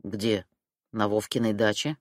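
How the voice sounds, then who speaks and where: A jittery young man with a short fuse, as a woman reader puts him on in a storybook reading, gruff and pitched low. He mutters and dodges, then bursts into shouting. The sound is close and dry. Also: fairly even intonation, a little slow, dry recording. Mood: sullish, evasive. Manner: lowered voice, blurts, shouts when accused. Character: jittery scared young man, hot-tempered.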